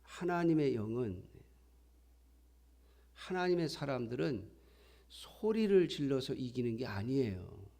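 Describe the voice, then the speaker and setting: A man's voice: medium pitch, very animated, unhurried, long pauses, mellow. A middle-aged man preaching a sermon in a conversational style, sometimes acting out quoted voices. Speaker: pastor.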